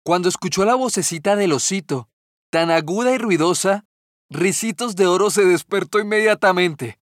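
A man narrating a children's fairy tale in a gentle, measured storytelling manner. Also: high-pitched, dry recording, clean studio sound.

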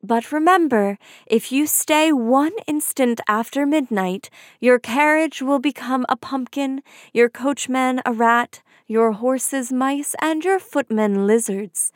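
A woman doing a gentle fairy godmother. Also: high-pitched, slow pace, hardly any pauses, no room sound, studio quality.

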